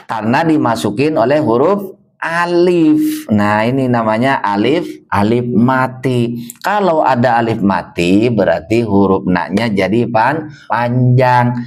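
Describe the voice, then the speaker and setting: Speaking at medium pitch with lively intonation, a man leads a beginner lesson on reading the Quran. He answers his own questions and slows down, drawing out words, as he models the recitation.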